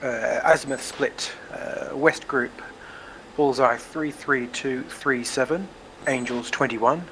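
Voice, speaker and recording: A man acting as air controller in a flight sim, reading out brisk, clipped code-word reports. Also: medium pitch, fairly bright tone, a little hiss or hum, poor audio. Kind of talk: rapid brevity-code radio reports.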